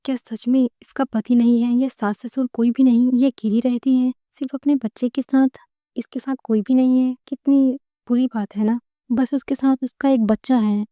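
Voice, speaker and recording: A woman's voice: high-pitched, fairly even intonation, moderate pace, mellow, no room sound, studio quality, natural voice. A woman voicing gossiping working women. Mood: gossipy. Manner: nosy, gossipy. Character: gossiping women at work, pitying.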